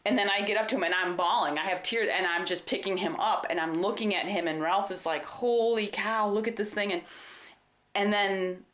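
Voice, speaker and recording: A woman co-hosting a podcast, telling hunting stories in an animated, rambling way. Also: fairly low pitch, fairly quick. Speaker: podcast co-host. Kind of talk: casual storytelling chat. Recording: roomy echo.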